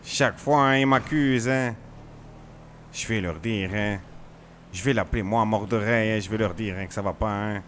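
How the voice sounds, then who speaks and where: Man doing touchy grumbling role-play guy, low voice, tags a questioning word onto every phrase, faint hiss behind. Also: normal speed, a bit bright, natural voice. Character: touchy, grumbling man who feels picked on. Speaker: streamer playing a role-play character.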